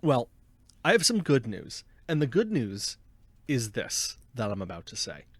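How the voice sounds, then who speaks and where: A man's voice: medium pitch, huge pitch swings, measured pace, dry recording. A man co-hosting a casual gaming podcast, chatting playfully and joking with his co-host. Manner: playful, jokey, reads ad copy with mock drama.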